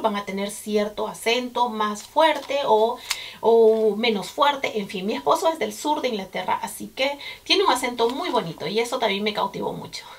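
A chatty Peruvian woman in her thirties with a Peruvian Spanish accent and a voice pitched a little high. She talks casually to camera like a vlogger, circling back and repeating words to stress her points. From Peru.

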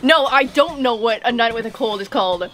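A woman's voice: fairly high pitch, a little fast, a bit bright, a little hiss or hum. A young woman chatting casually and bantering in front of a camera. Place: outdoors against a house wall.

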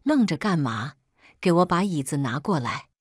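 A haughty, wealthy middle-aged mother who scolds with biting mockery and a lively, swinging pitch, as a woman narrator puts her on. Her voice sits fairly low and sounds close and dry. She belongs to an audio storybook. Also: normal speed, husky, dry recording, heavily acted. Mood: scolding. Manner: sharp, mocking scolding.

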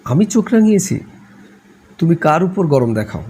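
A man voicing a scolding, sharp-tongued old grandmother in a read-aloud novel, shrill and scornful. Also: big pitch swings, moderate pace, slight background noise.

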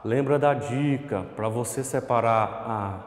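A man's voice: mid-range voice, measured pace. A male primary school teacher with a Brazilian accent gives an online lesson at a whiteboard. He speaks patiently to the pupil at home, draws out words for dictation and checks in with "ok?". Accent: Brazilian Portuguese. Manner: addresses the pupil at home, asks "ok?". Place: classroom with a whiteboard. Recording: echoey room with long reverb.

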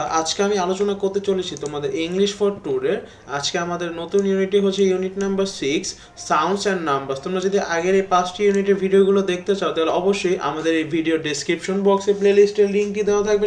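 A man explaining a children's textbook lesson. He reads the English lines slowly and clearly, then explains them. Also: high-pitched, a little hiss or hum. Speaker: tutor. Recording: echoey room.

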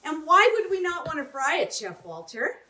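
A woman's voice: high voice, very animated, normal speed, a crowd in the background. A middle-aged woman chef giving an upbeat cooking demonstration in a home kitchen, often checking in with "right?".

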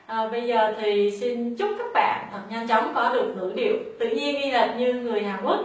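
A woman whose native language is Vietnamese gives a spoken lesson on Korean intonation at a moderate pace. Her voice is fairly high, and she explains patiently before reading example words aloud.

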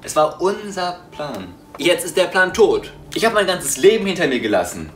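A man's voice: fairly high pitch, normal speed, reverberant, over music. A man playing a hot-tempered young ex-mafioso on the run, in an amateur audio drama. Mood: heated. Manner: heated, animated delivery.

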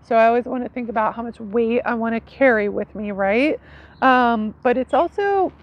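Outdoors under a tree in a leafy yard, a higher-voiced woman who teaches foraging presents knives in a casual explainer to camera. At a moderate pace, she keeps it informal and conversational, often seeking agreement with "right". The sound is dull, with outdoor ambient noise.

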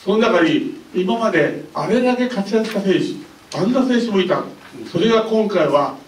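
An older man in his seventies, a bowling federation director, giving polite, unhurried press conference remarks into a handheld mic. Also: sits high, expressive, slight background noise. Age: older, about 70s. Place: indoor press conference room. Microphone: handheld microphone. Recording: roomy, mic a bit distant.

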